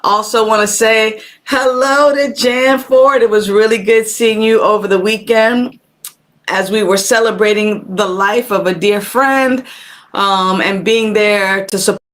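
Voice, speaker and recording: A woman's voice: medium pitch, steady tone, measured pace. Woman minister, live-stream host, chatty preaching, repeats phrases, talking to camera. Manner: warm conversational preaching, greets viewers by name. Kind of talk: live-streamed spiritual talk.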